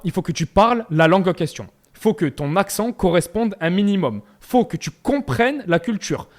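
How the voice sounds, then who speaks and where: A man with a Provençal French accent talking straight to camera, emphatic and slangy, hammering points home by repeating them. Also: high-pitched. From Aix-en-Provence, southern France. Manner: emphatic, slangy, repeats phrases for emphasis, addresses viewer as "frérot". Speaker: self-improvement youtuber. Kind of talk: direct-to-camera motivational talk.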